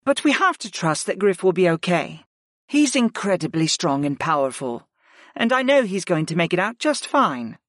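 Steady, soothing woman, played by a male narrator. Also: sits high, moderate pace, no room sound, clean studio sound, pitched above the performer's own voice. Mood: reassuring. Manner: soothing, reassuring. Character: steady reassuring woman, calm and faithful.

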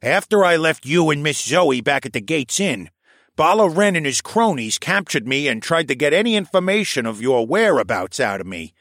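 A crafty old koala elder with a raised, lively voice that climbs and dips as he schemes, as a man puts him on. He sounds knowing and shrewd, like a storybook sage with a sly streak. The sound is dry and close. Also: a little high, normal speed, no echo, voice pushed up. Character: shrewd old male koala archivist, wily.

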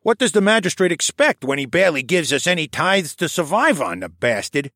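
A crafty old koala elder with a raised, lively voice that climbs and dips as he schemes, as a man puts him on. He sounds knowing and shrewd, like a storybook sage with a sly streak. The sound is dry and close. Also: fairly high pitch, a little fast, dry recording, pitched above the performer's own voice. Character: shrewd old male koala archivist, wily.

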